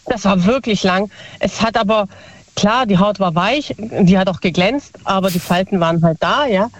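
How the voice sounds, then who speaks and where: This is a casual chat from a guest, a woman in her forties whose medium-pitched voice moves at a moderate pace and keeps stumbling into fillers and self-corrections. No room sound comes through, and the audio is dry, dull and lo-fi.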